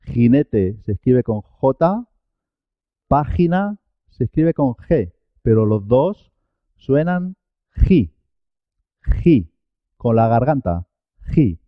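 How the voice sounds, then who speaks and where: A man's voice: medium pitch, very animated, slow, dry recording, phone-quality sound. A man teaching a Spanish pronunciation lesson, carefully enunciating each sound and model word. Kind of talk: slow, clear pronunciation lesson.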